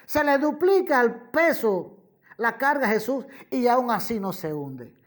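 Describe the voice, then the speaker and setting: A woman delivers a sermon in a deliberate, unhurried way, her voice sitting a little high. She stresses her points by repeating them and speaks directly to her listeners as brother and friend. The delivery is emphatic throughout. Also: very animated. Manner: slow, emphatic preaching with repeated phrases. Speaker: preacher. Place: radio program.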